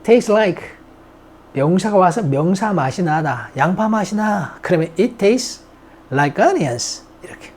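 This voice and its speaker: A man's voice: high-pitched, animated, takes it slowly, darkish tone. A man teaching English vocabulary, reading each word aloud, repeating it and explaining it. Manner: reads English words aloud, repeats them, then glosses them in Korean. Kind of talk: recorded vocabulary lesson.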